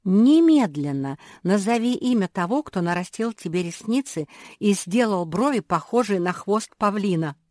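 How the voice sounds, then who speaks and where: A woman's voice: mid-range voice, lively intonation, moderate pace, mellow, dry recording, studio quality, pitched above the performer's own voice, close to an everyday voice. A woman voicing a clever, bossy pug sister who explains matter-of-factly and makes demands.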